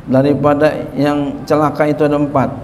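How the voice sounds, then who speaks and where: A man's voice: on the high side, level tone, fairly quick, a little mellow. A man preaching a sermon on a religious text in a conversational way, addressing the congregation with teasing asides. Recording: long hall reverb, faint ambient noise.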